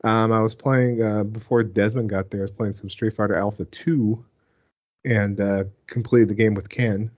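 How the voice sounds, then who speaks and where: A man co-hosting a casual gaming podcast, his voice gravelly from a mild virus. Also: on the low side, steady tone, normal speed, a little mellow, highs cut off. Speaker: podcast co-host.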